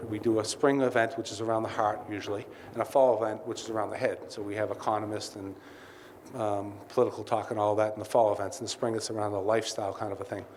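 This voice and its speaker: A man's voice: on the low side, darkish tone. A man giving a welcome speech as CEO at a client event, telling candid anecdotes with many asides. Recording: reverberant hall with faint ambient noise.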